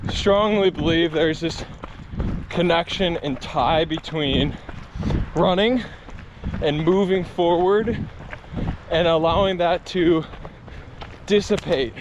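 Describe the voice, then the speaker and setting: A man vlogging candidly and reflectively while out on a run, speaking in short, halting phrases. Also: on the high side. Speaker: running vlogger. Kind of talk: reflective vlog talk while running. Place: outdoors, out on a run. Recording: muffled, noisy outdoor wind and traffic.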